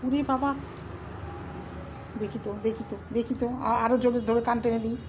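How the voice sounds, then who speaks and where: A woman's voice: a little high, flat delivery, fairly quick. A woman talking to her pet in a coaxing, teasing, scolding way. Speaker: pet owner. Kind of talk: casual talk to a pet. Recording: noisy background hiss.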